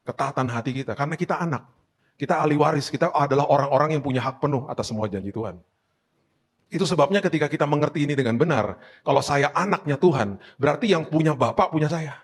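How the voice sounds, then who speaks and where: A man's voice: mid-range voice, breathy edge. A middle-aged man preaching a sermon as a pastor, telling stories with humorous asides. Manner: animated storytelling with humorous asides.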